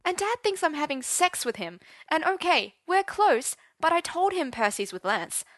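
Anxious schoolboy, voiced by a woman: high, tense, panicky pleading. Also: a little fast, bright, forceful tone, slightly rough, dry recording. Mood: panicked. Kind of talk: audiobook character voice.

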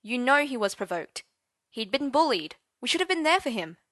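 Young male teacher, read by a woman: blunt, defiant, fairly high and bright. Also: very animated, normal speed, no echo, studio quality. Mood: indignant. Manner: heated, indignant and blunt. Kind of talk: audiobook character voice.

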